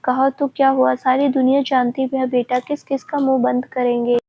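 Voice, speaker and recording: A woman's voice: sits high, completely flat delivery, moderate pace, darkish tone. A woman voicing an anxious, protective mother who keeps asking questions. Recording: dull lo-fi recording.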